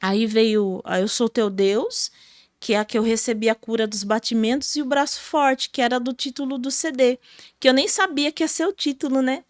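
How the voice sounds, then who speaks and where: High-voiced Brazilian woman giving testimony. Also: steady tone, normal speed, dry recording, studio quality. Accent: Brazilian Portuguese. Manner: emotional storytelling, many fillers like "sabe?". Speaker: gospel singer, podcast guest. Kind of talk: testimony in a podcast interview.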